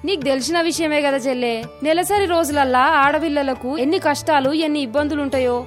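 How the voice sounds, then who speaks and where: A woman's voice: high voice, quick pace, soft background music, lightly acted. A woman playing a caring Telangana village aunt. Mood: explaining. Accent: Telangana Telugu. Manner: warm, coaxing, motherly questioning. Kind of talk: radio drama acting.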